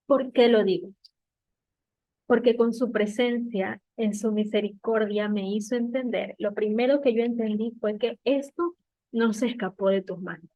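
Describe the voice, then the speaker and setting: A woman sharing a personal faith testimony, emotional and halting, with soft laughs and tearful moments. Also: on the high side, no room sound. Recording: tinny phone-like sound.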